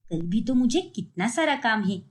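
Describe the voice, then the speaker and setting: A woman voicing a homely, fussy older mother-in-law in a cartoon story, in a lowered, aged voice and a scolding manner. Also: expressive, moderate pace, close to an everyday voice. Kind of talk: cartoon voice acting.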